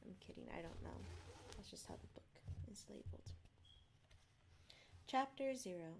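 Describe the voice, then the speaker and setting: This woman, for whom English isn't a first language, chats apologetically on stream and reads a book aloud with lively intonation at a moderate pace. Her mid-range voice carries vocal fry, and she's rambling and self-deprecating; there's slight background noise.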